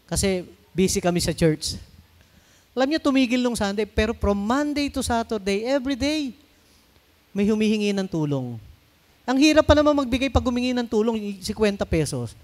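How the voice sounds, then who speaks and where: A man's voice: very high voice, lively intonation, fairly quick. A middle-aged Filipino man preaching a sermon in a conversational way, mixing in English phrases and asking the congregation to answer him. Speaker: pastor.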